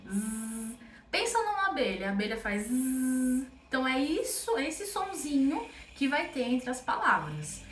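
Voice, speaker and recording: A young woman with a Brazilian Portuguese accent gives a casual online French lesson, chatty and encouraging, checking in often with her students. Her voice sits a little high and comes from a step back from the mic. The room around her is echoey. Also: sing-song, moderate pace, fairly bright tone, distant mic, a little hiss or hum. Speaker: French teacher.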